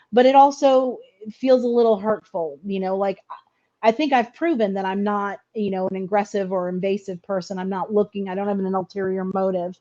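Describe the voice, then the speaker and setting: A woman's voice: medium pitch, warm tone, highs cut off. A middle-aged woman telling a personal story in an interview, earnest and hesitant, often repeating words as she goes.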